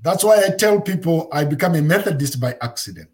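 A man in his fifties from Zimbabwe, a pastor telling his life story in an interview, pausing often with fillers. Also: on the high side, lively intonation. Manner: halting, many fillers.

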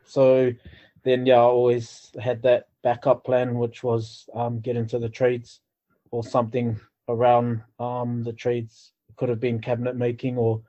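A man's voice: mid-range voice, completely flat delivery, measured pace. A man with a New Zealand accent chatting casually as a podcast guest, laid-back and informal, on a slightly dull, lo-fi recording. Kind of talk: casual chat.

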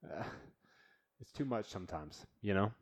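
A man's voice: lowish voice, lively intonation, moderate pace. A man hosting a solo podcast from his new home studio, rambling bluntly and swearing freely. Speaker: podcast host.

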